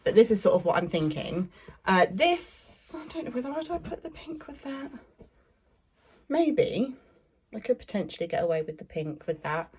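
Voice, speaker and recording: A woman's voice: mid-range voice, big pitch swings, normal speed, darkish tone, slight background noise. A young woman chatting casually about fabric she bought, rambling with lots of fillers and little laughs. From England. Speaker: sewing vlogger. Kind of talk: casual fabric haul chat.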